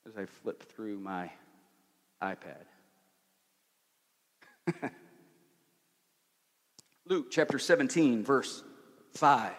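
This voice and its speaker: A man preaching a sermon to a congregation, repeating key words, asking rhetorical questions and dropping from loud to hushed. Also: medium pitch, big pitch swings, drawn-out words, long pauses. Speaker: pastor. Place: church hall with an audience. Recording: long hall reverb.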